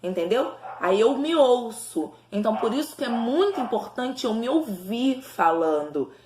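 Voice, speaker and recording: A woman teacher with a fairly high voice works through a lesson for young children. She pronounces each word slowly, syllable by syllable. Her voice rings in a bare, echoey room. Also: very animated, crowd noise. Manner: slow, syllable-by-syllable enunciation for children. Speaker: primary school teacher. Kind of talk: recorded remote lesson for young pupils.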